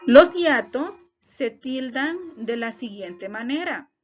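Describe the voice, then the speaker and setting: A woman teacher, giving a recorded spelling lesson to students with careful, example-led explanations. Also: on the high side. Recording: dull lo-fi recording with faint music.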